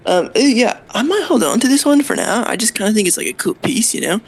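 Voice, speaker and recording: A man's voice: very high voice, sing-song, quick pace, creaky, husky. A man playing a tabletop game, talking in a chatty, questioning way with casual slang. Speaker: player.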